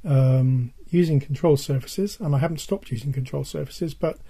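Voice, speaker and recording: An older man presenting casually in a halting way, his hoarse, worn voice giving out as he stresses his points. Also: on the high side, warm tone. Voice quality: husky, dull and worn. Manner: halting, repeats points for emphasis. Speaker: presenter of a music tech video. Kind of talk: casual product-advice talk.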